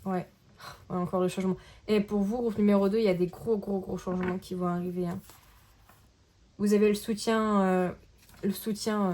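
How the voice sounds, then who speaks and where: A woman giving a casual tarot card reading to camera, in a gentle, searching way that keeps checking in with the listener. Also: medium pitch, a little hiss or hum.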